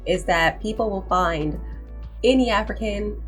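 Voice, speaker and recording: A woman's voice: mid-range voice, unhurried, soft background music. A young woman hosting a commentary channel, talking in an emphatic, insistent way and repeating points for stress. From United States. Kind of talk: opinion commentary to camera.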